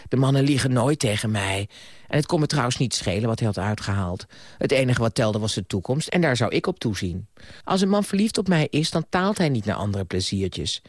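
A man reading an audiobook voices a sharp-tongued, headstrong young woman in a raised, haughty voice. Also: medium pitch, expressive, fairly quick, no echo, studio quality, lightly acted. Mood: imperious.

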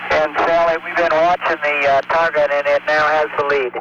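A man's voice: fairly high pitch, little pitch movement, moderate pace. A man speaking as an astronaut over a crackly space-to-ground radio link, in terse, procedural radio talk. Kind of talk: air-to-ground radio exchange. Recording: muffled radio with loud static hiss.

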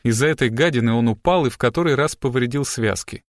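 A man reading an audiobook as narrator, in an even, measured style. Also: mid-range voice, no room sound, studio quality. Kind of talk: scripted narration.

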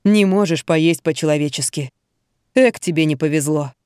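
A woman's voice: low-pitched, moderate pace, a little mellow, clean tone, no room sound, clean studio sound, voice pushed down, natural voice. A woman reading an audiobook, voicing a friendly, down-to-earth barmaid who talks in a plain-spoken, pitying way.

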